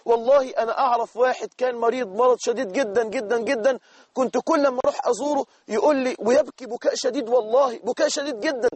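A man's voice: extremely high pitch, fast, a little mellow. A man with an Egyptian accent preaching a sermon, earnestly urging the listener. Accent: Egyptian Arabic. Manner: earnest, exhorting, addresses listener directly.

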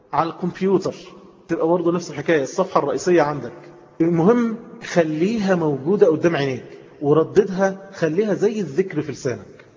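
A man with an Egyptian Arabic accent giving a sermon, stretching phrases out and rising suddenly for emphasis. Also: darkish tone. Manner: emphatic, drawn-out phrases with sudden swells in pitch. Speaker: preacher. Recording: dull lo-fi sound with long hall reverb.

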